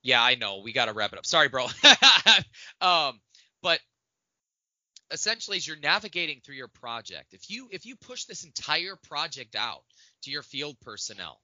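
A man co-hosting a podcast, talking in an excitable, loose and casual way about design workflows. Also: medium pitch, normal speed, no room sound, lo-fi sound. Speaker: podcast co-host. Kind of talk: casual tech chat. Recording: dry close-mic sound.

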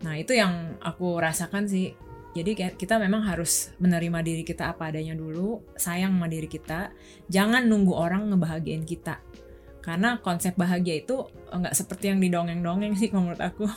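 A young woman from Indonesia talks openly about her own experiences in a relaxed chat, her voice sitting on the low side. Faint music plays quietly beneath her words. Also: a little fast. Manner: candid, personal storytelling. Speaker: guest. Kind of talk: casual chat.

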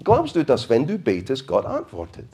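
Male preacher, sermon storytelling, playful, lively pitch. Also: moderate pace, husky. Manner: playful, asks the congregation questions. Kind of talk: sermon retelling a Bible story.

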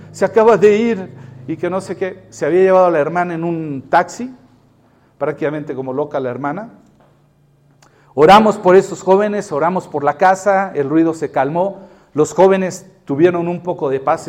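A man preaching a sermon, telling a story in an animated way and acting out the voices he quotes. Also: high-pitched.

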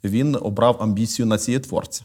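A man speaking as an interview guest and literary scholar, explaining in a measured, lecturing way with frequent thoughtful "uh" pauses. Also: lowish voice, steady tone, a little mellow.

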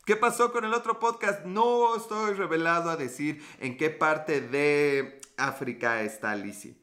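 Speaking a little slowly in a slightly high, bright and forceful voice, this man runs a livestream podcast. With a Mexican Spanish accent, he chats casually and reads viewer comments, trading profane, flirty teasing.

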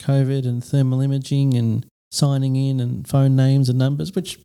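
A very dark, gravelly man's voice. He chats casually as a podcast co-host, relaxed and hesitant, with lots of ums and restarts. It is recorded on a studio microphone. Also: medium pitch, normal speed. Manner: relaxed, hesitant with many fillers. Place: small studio.

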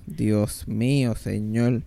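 A man's voice: lowish voice, very slow, creaky. A young man in his twenties with a Puerto Rican accent, telling a story casually, acting out voices and screams. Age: 20s. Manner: animated, acts out voices and screams.

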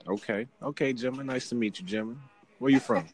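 A man, hosting a casual call in a relaxed, teasing, slangy way. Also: mid-range voice, a little fast. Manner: laid-back, teasing, slangy. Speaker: radio-style host. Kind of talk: casual phone call banter.

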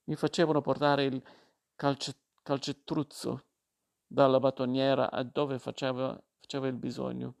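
A man voicing an angry, insistent young war veteran with a creaky voice. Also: medium pitch, flat delivery, moderate pace, darkish tone, natural voice. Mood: indignant.

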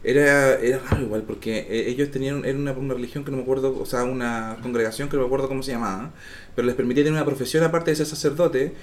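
A man's voice: mid-range voice, fairly even intonation, rapid-fire, slight background noise. A man hosting a casual chat, rambling and restarting his sentences. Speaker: podcast host.

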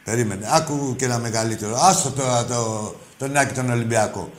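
A man's voice: mid-range voice, echoey room. Brash, combative male radio host. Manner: brash, combative, crude banter. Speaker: sports radio call-in host. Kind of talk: heated call-in argument.

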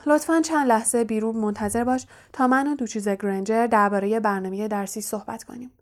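A woman doing a stern, brisk professor. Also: on the high side, fairly even intonation, natural voice. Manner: dry, brisk. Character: stern strict female school professor.

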